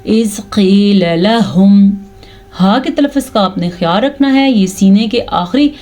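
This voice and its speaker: A woman teaching Quran recitation rules in Urdu. She explains each rule clearly, then recites the verses slowly and drawn out, with a Pakistani Urdu accent. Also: fairly high pitch, animated, darkish tone, faint music behind. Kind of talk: patient step-by-step recitation lesson.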